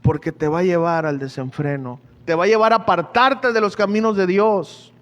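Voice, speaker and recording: A man's voice: high-pitched, normal speed, a bit bright. A man preaching a sermon in a chatty, joking way, often asking his listeners questions. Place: church hall. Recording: echoey church hall.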